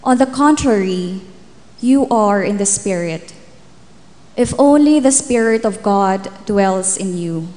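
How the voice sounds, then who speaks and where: A woman's voice: mid-range voice, lively intonation, slow pace, darkish tone. A woman in her thirties reading scripture solemnly as lector at a lectern microphone in a chapel. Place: chapel, indoors. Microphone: gooseneck lectern microphone. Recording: long chapel reverb.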